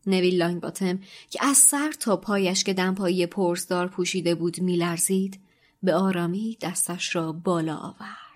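A woman narrating a novel aloud in an expressive storytelling read. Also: fairly low pitch. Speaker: reader and podcast co-host. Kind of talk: audiobook narration.

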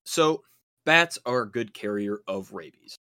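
A man's voice: on the low side, expressive, a little slow, sharp tone, smooth. A man co-hosting a podcast, chatting casually and rambling with lots of fillers and restarts. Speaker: podcast co-host. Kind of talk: casual chat.

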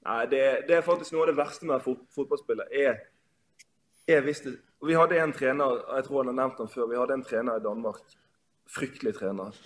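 A former footballer on a podcast, talking in an animated, exasperated way with many restarts. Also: male voice, mid-range voice. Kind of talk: casual podcast chat.

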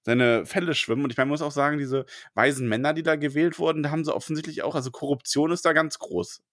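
A man's voice: fairly high pitch, fairly even intonation, quick pace, fairly bright tone, no echo, clean studio sound. A man in casual podcast chat, hesitant, with many fillers and restarts. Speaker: podcast co-host discussing a book.

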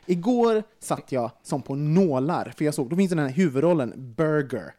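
A young man hosting a casual podcast chat, talking in an animated way with many fillers and some swearing when worked up. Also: on the high side. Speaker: podcast host.

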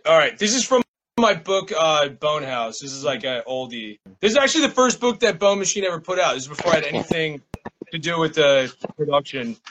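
An American guest poet and small press publisher chats casually and reads his poetry in an interview, using a laid-back, slangy style. His voice sits on the high side, expressive and fairly bright, and he talks a little fast on a rough recording.

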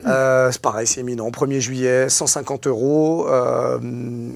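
A man's voice: mid-range voice, fairly even intonation, unhurried, vocal fry. A man hosting a casual panel chat, playful and teasing as he runs the segments. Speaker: podcast host.

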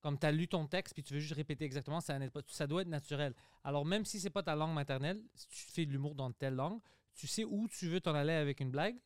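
A man's voice: fairly high pitch, fast talker, smooth, no room sound, clean studio sound. A man explaining his views as a comedian guest in a casual podcast chat.

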